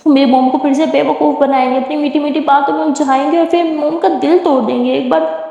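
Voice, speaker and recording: A woman's voice: high-pitched, steady tone, fairly quick, vocal fry, warm tone, muffled recording. A woman voicing an upset, protective young biker woman who talks bluntly, in an echoey room with long reverb. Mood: bitter.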